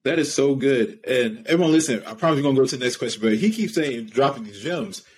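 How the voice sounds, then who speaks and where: A man's voice: mid-range voice, expressive, fast, darkish tone, husky, low-quality recording. A man in his early thirties hosting a faith podcast, enthusiastically praising what his guest says and tying it back for listeners. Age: 30s. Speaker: podcast host. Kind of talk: casual interview.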